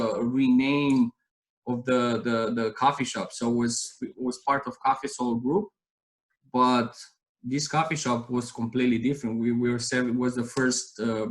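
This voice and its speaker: A man in his thirties with a Romanian accent, chatting as a guest on an interview. His voice sits at an ordinary middle pitch. He tells his story earnestly and rambles, restarting his sentences often. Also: rough recording. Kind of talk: casual interview chat.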